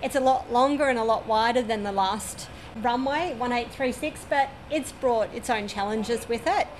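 At a regional airport overlooking the runway, an Australian air traffic controller in her 40s answers interview questions in a detailed, matter-of-fact way. She has a fairly high-pitched voice and speaks at a moderate pace.

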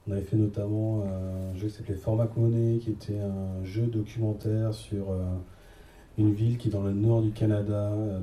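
A man's voice: on the low side, mellow, recorded from a distance, a little hiss or hum. Hesitant man in an echoey room. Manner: hesitant, searching for words, many fillers. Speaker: game designer and panel guest. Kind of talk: casual panel talk.

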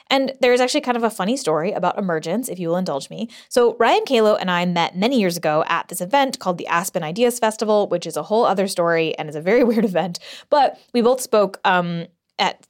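A woman hosts a casual solo podcast, recorded under a blanket fort in a closet. Her voice sits at an average pitch for a woman. She talks informally and conversationally, straight to the listener. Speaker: podcast host.

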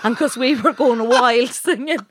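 A woman's voice: fairly high pitch, measured pace, breathy edge. A woman telling rowdy, self-mocking stories in casual chat, laughing as she goes. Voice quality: lively and animated, laughing through stories.

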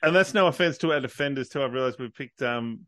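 A man's voice: medium pitch, fast, fairly bright tone, no echo, clean studio sound. An Australian man co-hosting a podcast, giving blunt, laid-back opinions in casual sports chat. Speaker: podcast co-host.

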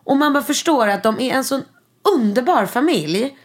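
A chatty woman with a slightly high voice tells stories in a gushing, animated way. She fills her talk with pauses and little fillers. She breaks into acted-out quotes, jumping high in pitch. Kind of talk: casual chat.

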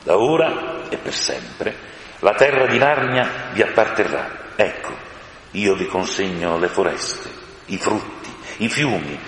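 A man voicing a majestic male lion, stern but joyful, speaking slowly and solemnly in an audiobook. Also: sits low, sing-song, a bit bright, full character voice. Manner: slow solemn proclaiming. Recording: reverberant room with faint hiss.

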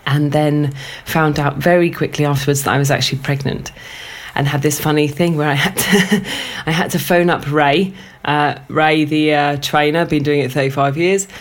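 In a relaxed chat, a guest who is a writer and one-time lifeguard recounts a personal story at length. Her low-pitched voice keeps fairly even intonation at an ordinary pace, and she rambles chattily, with lots of fillers and frequent laughter.

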